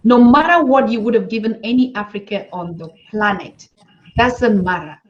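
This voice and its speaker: A woman's voice: medium pitch, moderate pace, lo-fi sound. A woman hosting a live online interview, asking questions in an effusive, supportive way. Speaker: host.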